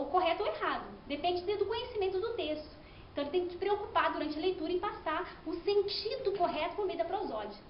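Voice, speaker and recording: A woman's voice: very high-pitched, slight background noise. A woman presenting her thesis in an academic talk, explaining step by step with frequent "né?" and restarts. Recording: echoey room, slightly dull sound.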